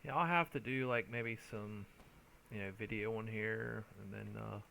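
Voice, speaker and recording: Tired gravelly guy mumbling through his game stream, bright edgy voice, faint hum behind. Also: on the low side, fairly even intonation, moderate pace. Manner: tired, rambling, thinks aloud with restarts and hums. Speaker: streamer playing an online game. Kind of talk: casual gameplay commentary.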